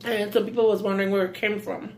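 In a small room at home, a woman in her thirties from Belize records an eating vlog, talking fast in a level, mid-range voice with a slight Belizean accent. There's slight background noise, and she chats casually, often humming mm's over the food.

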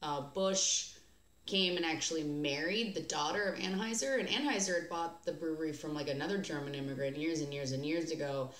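An American woman with a fairly low voice hosts a casual beer vlog. She talks in a chatty, sarcastic way, full of ums and restarts. Her voice rings in a roomy, echoey space. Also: fairly quick, a bit bright. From United States. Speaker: beer vlogger host.

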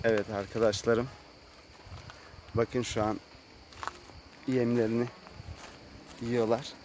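A man vlogging casually outdoors at a rural sheep pen, speaking slowly and unhurriedly about his new animals. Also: little pitch movement, a little mellow, a little hiss or hum. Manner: slow, unhurried, with sing-song high calls to the animals. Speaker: vlogger moving to the countryside. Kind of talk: casual vlog talk while tending sheep.

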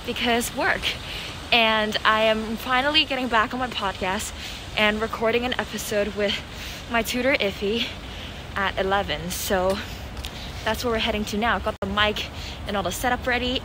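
A woman's voice: mid-range voice, fairly even intonation, normal speed, background noise. A young woman, a student, narrating her week in an upbeat, chatty vlog style with frequent "um" and "so". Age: young adult. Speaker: student vlogger. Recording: music playing underneath.

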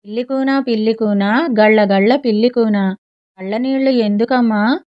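A woman's voice: on the high side, moderate pace, natural voice. A woman voicing a friendly, curious young puppy that asks questions in a sing-song, in a slightly muffled recording. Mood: kindly.

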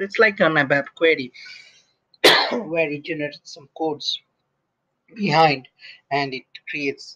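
A man giving a casual screen-recorded software tutorial as an instructor, thinking aloud with frequent restarts and fillers. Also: mid-range voice, muffled recording. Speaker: SAP instructor.

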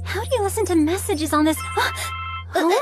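Flustered cartoon teen girl, squeaky high, all over the place, music behind. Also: moderate pace. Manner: rambling, panicky, giggly. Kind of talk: animated series dialogue. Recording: music playing under the voice.

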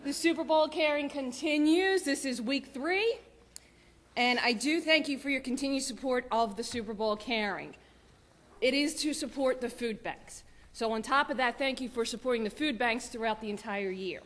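A woman giving lively, chatty announcements to a church congregation, laughing often. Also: high-pitched, normal speed. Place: church sanctuary. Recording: long church reverb.

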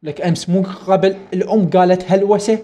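A man reading a friendly talking doll companion's game lines in formal, plain delivery, high in pitch. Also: steady tone, fast talker, dark tone, close to an everyday voice. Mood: earnest. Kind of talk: reading game dialogue aloud.

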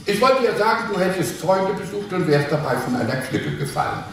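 A man's voice: high-pitched, very animated, a little fast, distant mic. A man playing a petulant, blustering henpecked husband. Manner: blustering, indignant, chuckling. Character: petulant henpecked husband plotting against wife. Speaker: actor in a staged reading. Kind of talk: live comic sketch reading. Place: theater stage before an audience. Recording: echoey, noisy live theater recording from afar.

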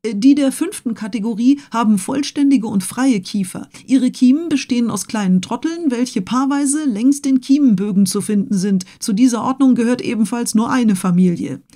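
A tireless, pedantic young man lists facts with unwavering precision, as a woman reading a storybook puts him on. The voice sits a little above her usual pitch, with a mellow, soft tone. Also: moderate pace, hardly any pauses, lightly acted. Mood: lecturing. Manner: lecturing, precise listing. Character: pedantic learned male servant, tireless.

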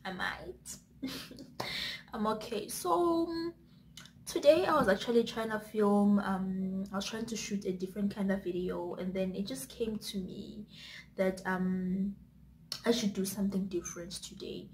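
A woman talks straight to her viewers in a loose, chatty vlog manner, often pausing on fillers and circling back to restart her thoughts. Her pitch sits in an ordinary middle range, and faint noise hums in the background. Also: steady tone, a little mellow, rough recording. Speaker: YouTube vlogger. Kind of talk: casual to-camera chat.

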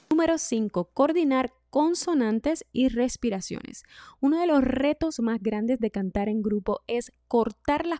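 A woman vocal coach, giving a singing lesson in a clear, instructive way. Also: on the high side, no echo, clean studio sound. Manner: clear instructive delivery, demonstrates loud and whispered speech.

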